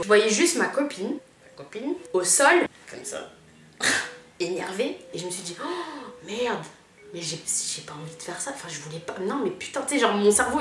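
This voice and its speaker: A young woman casually telling a storytime vlog, slangy and animated, acting out the dialogue. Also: mid-range voice, reverberant, slight background noise. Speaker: YouTuber.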